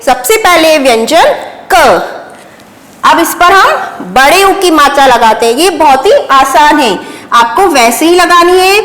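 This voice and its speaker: A woman's voice: high-pitched, fairly bright tone, big-room sound. A woman teaching young children a phonics lesson, patiently asking questions and answering with praise. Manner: slow, patient, call-and-response questions and praise. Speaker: primary school teacher.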